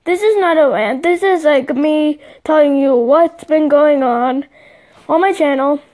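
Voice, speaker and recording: A young woman hosts a casual solo podcast on a phone mic, rambling along with plenty of fillers. Her voice is high-pitched, a little slow and slightly mellow.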